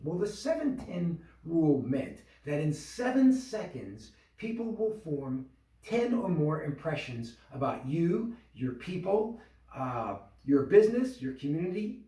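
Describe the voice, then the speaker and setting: A man with a fairly high voice gives an instructional talk to a small business group, animated, asking lots of questions and acting out different tones of voice. He's recorded from a distance, off the mic, in an echoey room.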